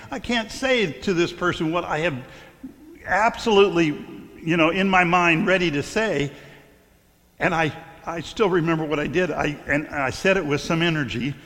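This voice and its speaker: A man's voice: fairly high pitch, animated, normal speed, a bit bright. A middle-aged male clergyman giving a conversational sermon, telling stories with frequent fillers and stumbles. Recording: long hall reverb.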